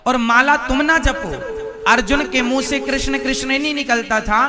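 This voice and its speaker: Male preacher, high voice, folksy sermon with rhetorical questions, music behind him. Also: fairly even intonation, moderate pace. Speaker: spiritual preacher. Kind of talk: devotional sermon. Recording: music playing under the speech.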